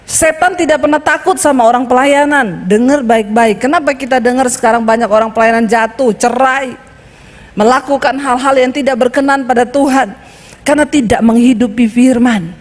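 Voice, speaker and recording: A woman's voice: sits high, big-room sound. A woman pastor preaching a sermon, telling stories with animation and acting out both sides of the conversations.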